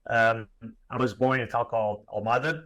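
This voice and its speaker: A man's voice: mid-range voice, steady tone, fairly bright tone, low-quality recording. A man in his thirties from Portugal with a Portuguese accent, giving an online lecture in English with many fillers and restarts. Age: 30s. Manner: halting, many fillers and restarts, self-deprecating. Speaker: graphic designer giving a lecture.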